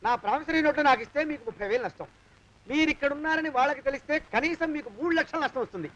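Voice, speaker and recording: A man's voice: very high-pitched, expressive, rapid-fire, a bit bright, lo-fi sound. An actor playing a pushy, cheeky male blackmailer who needles and keeps repeating a nagging call, in a comic film. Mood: needling.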